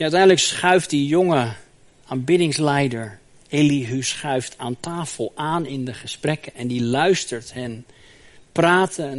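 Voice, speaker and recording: A man preaching a sermon in a lively, emphatic way, asking the congregation rhetorical questions. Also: on the high side. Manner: lively and emphatic, with rhetorical questions and a recurring "zeg maar" filler.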